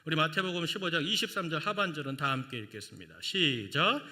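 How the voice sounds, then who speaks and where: A man's voice: on the high side, expressive, quick pace, bright, forceful tone. A male pastor preaching a sermon in a church, with emphatic delivery full of rhetorical questions, now and then leading the congregation in reading scripture aloud. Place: church sanctuary. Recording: long church reverb.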